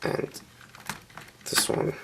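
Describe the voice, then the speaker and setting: A man narrating a casual, unscripted review of a scale model, speaking plainly with frequent pauses and filler sounds. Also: fairly bright tone, a little hiss or hum. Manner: plain-spoken and candid.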